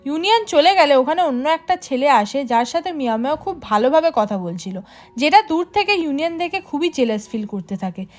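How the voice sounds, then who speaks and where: High-voiced woman narrating a drama recap. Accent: Bengali. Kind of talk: scripted storytelling narration.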